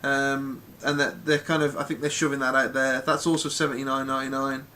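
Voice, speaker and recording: A man's voice: medium pitch, flat delivery, fairly quick, bright, forceful tone, slight background noise. A man hosting a casual live chat, rambling with plenty of ums and restarts. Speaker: podcast host.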